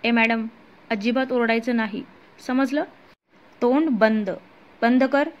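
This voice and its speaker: A man's voice: very high-pitched, moderate pace, dull audio. A woman doing a harsh gun-wielding kidnapper. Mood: threatening. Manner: harsh, loud, commanding.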